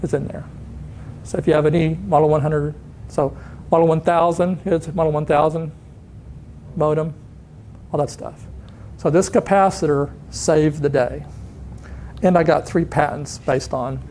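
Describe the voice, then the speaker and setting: A man's voice: fairly high pitch, steady tone, unhurried, pauses often, darkish tone, a little hiss or hum. A man in his sixties giving a conference talk, telling anecdotes and acting out the voices of the people he quotes. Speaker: conference speaker. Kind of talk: storytelling talk. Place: conference hall.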